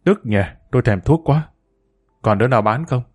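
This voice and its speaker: A man's voice: mid-range voice, expressive, moderate pace, darkish tone, husky, dry recording. A man reading aloud as a tough teenage street boy, sullen and curt, grumbling his words out in short bursts. It is a storybook voice, kept close to the reader's own. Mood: gruff.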